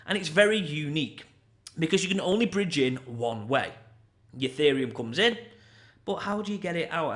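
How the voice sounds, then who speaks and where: A man's voice: a little high, a bit bright. A man hosting a chatty crypto news roundup, upbeat and hyping each story.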